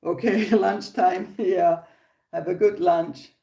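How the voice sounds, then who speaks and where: In an echoey room with dull audio, an older woman speaks slowly in a low, warm, steady voice. She's a crochet channel host from Finland with a Finnish accent, running a casual live stream from her phone, often laughing and starting sentences over.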